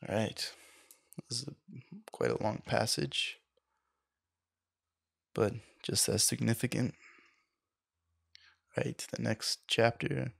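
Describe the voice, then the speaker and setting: A man's voice: medium pitch, takes it slowly, vocal fry, long pauses, fairly bright tone, no room sound. A man reading a book passage aloud in a lecture, often stumbling over words and correcting himself.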